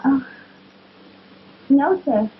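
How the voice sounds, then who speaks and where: A young small-town shopgirl in an early talkie film, polite and naive. Her voice is high-pitched. The old 1930 soundtrack is dull, with clear noise over it. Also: animated, extremely slow, heavily acted. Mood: polite, coy.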